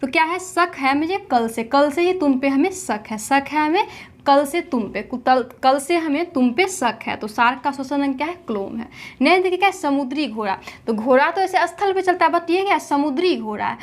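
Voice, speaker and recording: A woman with a notably high voice teaches a general knowledge lesson, walking through memory tricks step by step. She poses a question, answers it herself, then goes over the same point again. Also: expressive, normal speed. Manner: keeps asking rhetorical questions and answering them herself; repeats each point several times.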